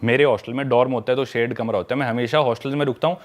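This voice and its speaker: Man, mid-pitched voice, casual storytelling, chatty, mixes in English words. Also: steady tone, rapid-fire. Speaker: podcast guest telling a travel story.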